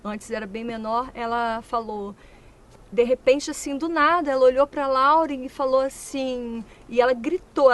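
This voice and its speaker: A woman with a high, bright-toned voice gives a church testimony in a sit-down interview. She tells her story vividly and slips into the voices of the people in it. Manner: vivid storytelling, acting out quoted speech. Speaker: church member giving a testimony; mother.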